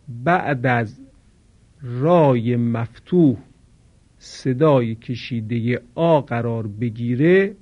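A man teaching Quran recitation in a formal broadcast lesson. He explains each rule slowly, carefully and politely, and repeats it. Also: mid-range voice, highs cut off.

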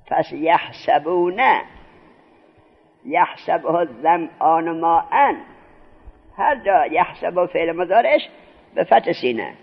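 A male teacher with a high, gravelly voice gives a classroom grammar lesson. He fires questions at his listeners, answers them himself, and stretches out the key terms. The recording sounds dull and lo-fi. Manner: drawn-out, stressed key terms.

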